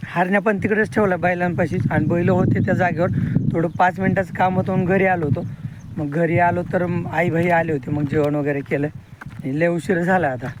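A farmer talks casually to his phone camera out in the field, now and then calling out to his animals. His voice sits a little high for a man. Heavy outdoor noise runs underneath the whole recording. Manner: chatty, calls out to animals. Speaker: farmer vlogger. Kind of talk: casual farm vlog narration. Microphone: phone held while filming. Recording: loud outdoor background noise.

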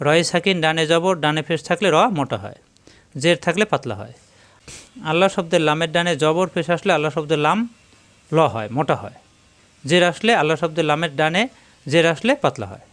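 A man teaching the rules of Quran recitation, slowly drilling each sound syllable by syllable. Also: a little high, a bit bright. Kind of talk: step-by-step tajweed lesson.

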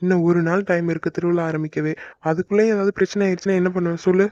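A fretful young man in a cartoon, voiced by a man, grumbling at his friend in a rapid, slightly high voice. The sound is dry and a little dull. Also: steady tone, a little mellow, dry recording, lightly acted. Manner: complaining, exasperated banter. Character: young man, a worrier who frets and grumbles. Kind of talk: cartoon voice acting.

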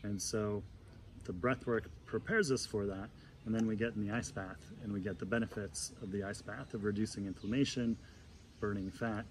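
A man's voice: on the low side, a little mellow. A man in his forties explains things casually, like a coach, while sitting immersed in ice-cold water outdoors. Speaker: breathwork and ice bath coach. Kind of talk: casual explanatory talk to camera. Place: outdoor garden, in an ice tub. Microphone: camera a couple of metres away. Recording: outdoor noise with birdsong.

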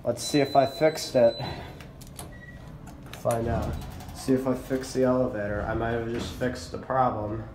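A young man who runs an elevator video channel narrates a slow, enthusiastic phone-camera tour of a mall elevator, talking to himself about the fixtures he admires. His mid-range voice stays fairly even in intonation. The echoey space carries faint ambience and a noisy background.

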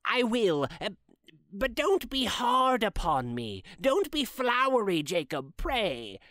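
A man's voice: high-pitched, wildly swooping pitch, slow pace, a bit bright, no room sound, clean studio sound, heavily acted. A man doing a stammering, frightened old miser. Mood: nervous pleading. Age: older. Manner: stammering, pleading, nervous. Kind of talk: dramatized classic story reading.

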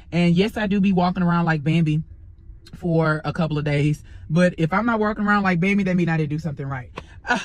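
A woman in her thirties, a fitness vlogger, chatting to camera in an upbeat, motivational way from a phone at arm's length. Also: on the low side. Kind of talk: casual vlog talk to camera. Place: gym and parked car.

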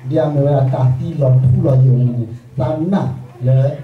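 A man's voice: medium pitch, steady tone, fairly quick, phone-quality sound. A man preaching a sermon as pastor, talking to his congregation in a conversational way. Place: church sanctuary. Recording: echoey church hall, mic far off.

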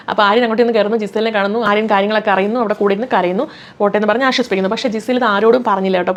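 A woman giving casual, opinionated commentary on a reality show, often adding tag questions. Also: on the high side. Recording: slightly dull lo-fi sound.

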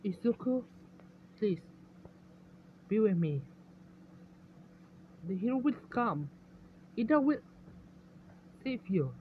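A man voicing an anxious young heroine in a fan story, in his earnest, halting reading voice. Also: mid-range voice, very animated, phone-quality sound, slight background noise, pitched above the performer's own voice. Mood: pleading.

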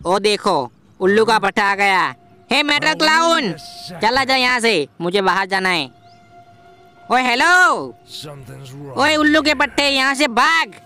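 A man voicing a hot-headed, brash young male game hero in a playful gameplay voiceover, bossy and quick to shout threats. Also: extremely high pitch, lively intonation, faint music behind, heavily acted.

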